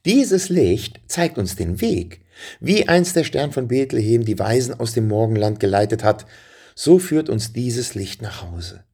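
A man voicing a brave, hopeful young boy riding a dragon in a storybook, with a gravelly voice and eager calls. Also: medium pitch, big pitch swings, unhurried, mellow, exaggerated voice. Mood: excited.

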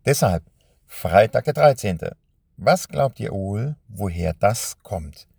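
A man narrating a storybook in a measured way, at times speaking directly to young listeners. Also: fairly low pitch, expressive, creaky, darkish tone, slightly rough, no echo, studio quality.

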